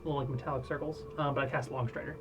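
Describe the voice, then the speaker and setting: A man's voice: medium pitch, steady tone, very fast. A man chatting casually as a player in a tabletop game. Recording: noisy room.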